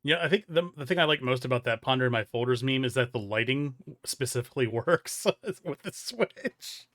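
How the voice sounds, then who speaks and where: A man's voice: medium pitch, brisk, fairly bright tone. A man on a casual gaming podcast, laid-back, mostly giving short agreeing replies.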